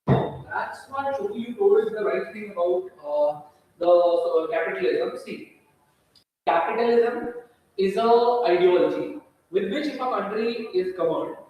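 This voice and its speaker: A high-voiced man teaches slowly and deliberately, checking in with his class as he goes. His voice booms back at him with a thick cave echo. It has a long hall tail and sounds set well back from the mic. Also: expressive, dull audio. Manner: slow, deliberate explaining, checks in with "all right" and "okay". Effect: heavy cave-like echo on the voice. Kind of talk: online class lecture. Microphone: distant laptop or room mic in an online class. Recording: echoey, reverberant audio from a mic far off.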